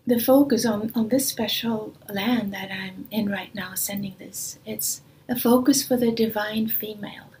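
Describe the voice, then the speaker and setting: A spiritual teacher whose native language is Swedish gives a soft-spoken spiritual talk in a mid-range voice that often drops close to a whisper. She's away from her usual studio, and the rough recording has a little hiss or hum.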